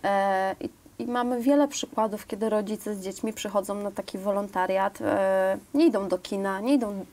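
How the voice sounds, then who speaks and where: A woman's voice: medium pitch, steady tone, normal speed, warm tone. A woman in her thirties, a guest in a TV studio interview, talking earnestly with many fillers and piling up examples. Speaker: volunteer program guest. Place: TV studio, seated on sofa.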